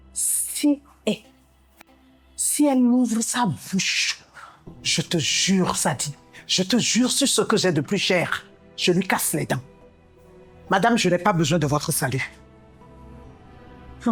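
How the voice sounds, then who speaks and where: An actress playing a fierce, suspicious older sister in a TV drama, speaking French with a West African accent, furious and threatening. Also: female voice, on the low side, expressive, slow pace, long pauses, breathy edge, faint music behind, exaggerated voice. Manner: furious, shouting and threatening, then cold. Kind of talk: TV drama dialogue.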